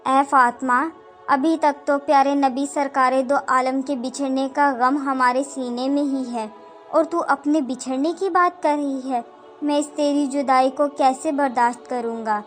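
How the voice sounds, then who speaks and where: A woman's voice: high-pitched, steady tone, soft background music, natural voice. A woman reading a grieving husband's lines. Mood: sorrowful. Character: grief-stricken husband pleading with his dying wife.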